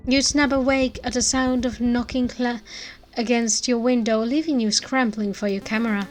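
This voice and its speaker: A woman with a fairly high voice narrates a story in the second person. She is dramatic and expressive in her emphasis, and music plays softly behind her. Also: moderate pace.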